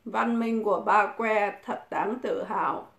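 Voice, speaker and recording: A woman's voice: mid-range voice, unhurried, a bit bright. A woman, crudely taunting and cursing in a mocking livestream rant. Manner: mocking, provoking, swears constantly. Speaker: livestream host. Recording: echoey room.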